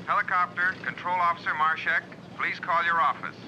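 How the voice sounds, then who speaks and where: A man announcer making crisp, repeated formal paging calls heard through loudspeakers. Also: fairly high pitch, brisk, noisy background. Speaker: spaceport announcer.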